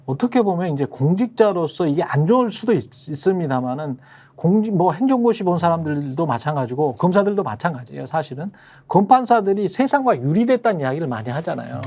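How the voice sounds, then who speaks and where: High-voiced lively male panelist. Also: brisk. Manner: conversational, anecdotal, emphatic. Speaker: political panelist. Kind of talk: political talk show discussion.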